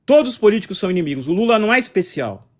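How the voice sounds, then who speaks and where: A man with a Brazilian Portuguese accent runs a casual live stream, answering chat comments combatively and repeating himself. His voice sits high, and he talks in a very animated, rapid-fire way.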